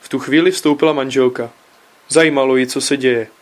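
A man's voice: medium pitch, fairly even intonation. A man reads a humorous newspaper column aloud in a dry, wry storytelling manner. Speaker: narrator, reader.

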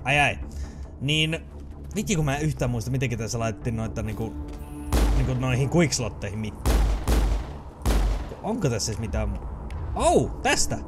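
A young man with a Finnish accent giving excitable, chatty let's play commentary, swearing and laughing often as he plays. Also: medium pitch, long pauses, music in the background. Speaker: gaming channel host.

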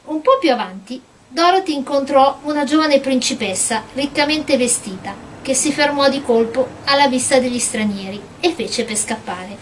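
A woman's voice: high voice, moderate pace, few pauses, a little hiss or hum. Woman reading a storybook aloud. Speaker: reader.

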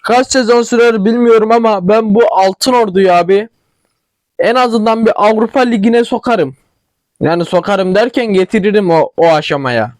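A man's voice: high voice, moderate pace, no room sound. A young man with a regional Turkish dialect, chatting casually over a football management game, thinking aloud and stumbling over words. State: tickly throat, clearing it. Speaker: gaming channel host.

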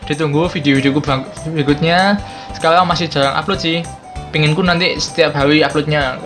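A man's voice: fairly high pitch, fairly even intonation, a little fast. A man in his twenties with a speech impediment that blurs his r and l, chatting casually to viewers as a gaming YouTuber. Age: 20s. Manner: chatty, informal, addresses viewers as friends. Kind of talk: casual explainer to camera. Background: background music.

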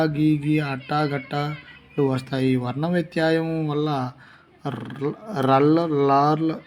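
Man reading out exam notes, flat and measured. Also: fairly high pitch, slight background noise. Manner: reads lists of word forms one by one with restarts. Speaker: exam prep teacher. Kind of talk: reading study notes aloud.

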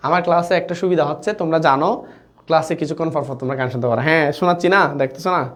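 A man teaches a live online class, and his voice sits a little higher than most men's. He coaxes his students along, repeats the key points and keeps checking that they follow. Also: racing.

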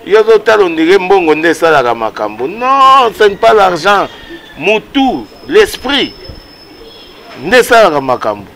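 A man's voice: high-pitched, moderate pace. A man in his thirties with a Congolese accent, talking animatedly as an interview guest, outdoors by a wall. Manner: animated, gestures with hands, mixes Lingala and French. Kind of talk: casual interview.

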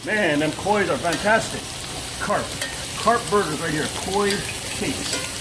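Outdoors by a frying pot, a man hosts a cooking vlog, narrating with exuberant whoops and exclamations in excited commentary. His voice is fairly high with lively intonation, his pace slow, and there is background noise.

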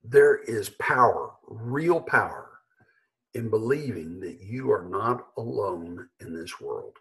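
A man in his sixties, a pastor, delivering an earnest, measured sermon from his living room into a webcam. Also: fairly low pitch, expressive, fairly bright tone, rough recording. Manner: earnest, measured, with emphatic slowed phrases. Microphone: webcam at desk.

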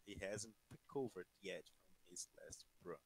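A man's voice: low voice, measured pace, rough recording. A man guest on a game night stream, chatting casually and laughing easily. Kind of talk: casual chat while gaming.

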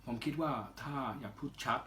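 Foreigner speaking careful, halting Thai, male. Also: pushed and bright, a little hiss or hum. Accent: foreign (Western) accent in Thai. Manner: careful non-native Thai in short halting phrases with polite particles. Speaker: interview guest, singer. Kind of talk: casual interview answers.

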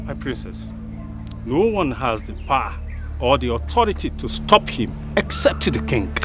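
An actor playing an evasive palace elder placating a princess. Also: male voice, medium pitch, big pitch swings, moderate pace, music in the background, close to an everyday voice.

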